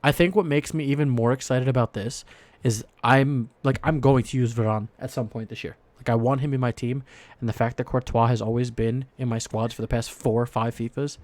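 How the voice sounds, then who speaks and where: A young man co-hosting a casual podcast about football cards rambles excitably, trailing off and restarting his thoughts. His middling-pitched voice moves fairly quickly, captured close and very dry with no room sound at all.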